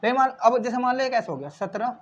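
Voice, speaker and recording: A man's voice: extremely high pitch, expressive, fast. A male maths teacher explaining step by step, asking questions and answering them himself, repeating key points and calling his viewers friends. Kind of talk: classroom-style maths explanation. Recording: slightly dull lo-fi recording.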